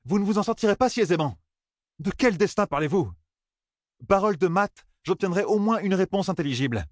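Hot-tempered young man, pitched high and shouting curses, put on by a male reader; dry, close sound. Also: animated, brisk, dry recording. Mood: defiant. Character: angry young man, cursing and defiant.

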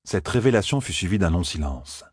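A man reading an audiobook in a calm, measured storytelling manner. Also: low voice, slightly rough, dry recording, studio quality. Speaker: narrator. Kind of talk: audiobook narration.

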